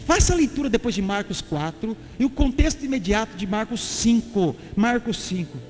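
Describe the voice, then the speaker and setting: High-voiced Brazilian pastor preaching passionately. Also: male voice, expressive, moderate pace, darkish tone. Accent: Brazilian Portuguese. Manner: passionate, emphatic, addresses the congregation casually as "cara" and "gente". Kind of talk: sermon. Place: church hall. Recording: reverberant church hall with faint music.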